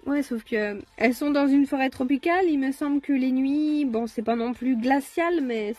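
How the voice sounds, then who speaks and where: A woman's voice: high voice, moderate pace, darkish tone. A woman with a non-native French accent, reading a story game aloud and tossing in casual, chatty asides.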